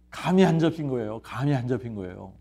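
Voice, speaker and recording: A man's voice: mid-range voice, creaky, dark tone, husky. A man, a pastor, preaching a sermon. He asks rhetorical questions, answers them himself, and repeats key phrases. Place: church sanctuary.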